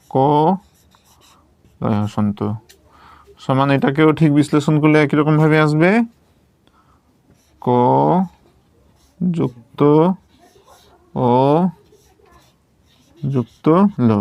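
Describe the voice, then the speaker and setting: A man's voice: a little high, steady tone, slow pace, pauses often, darkish tone, clear, resonant tone, no room sound. A man teaching English pronunciation, patiently spelling out each sound step by step and checking that his students follow. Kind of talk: slow step-by-step lesson at a writing board.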